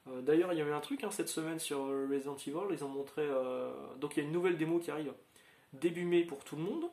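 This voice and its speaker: A man's voice: a little high, fast, darkish tone. Male host, casual rambling chat, slightly raised voice, echoey room. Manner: rambling, chatty, many fillers and restarts. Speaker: channel host.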